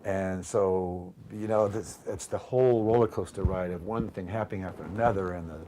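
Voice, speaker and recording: A man's voice: sits low, moderate pace, dark tone, slight background noise. A man telling anecdotes in a casual interview, meandering with lots of ums and restarts.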